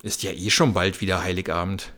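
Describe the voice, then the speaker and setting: A man voicing a sharp-tongued, practical young mother, giving quick retorts in a gravelly voice. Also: sits low, little pitch movement. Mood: teasing. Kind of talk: comic audio story.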